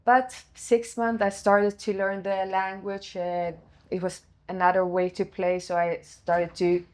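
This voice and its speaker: A Swedish woman, a former goalkeeper and goalkeeper coach, appears as an interview guest, speaking English as a second language with Swedish as her first. Her medium-pitched voice is flat, a little slow and a little mellow, and she tells her story casually with frequent fillers and restarts.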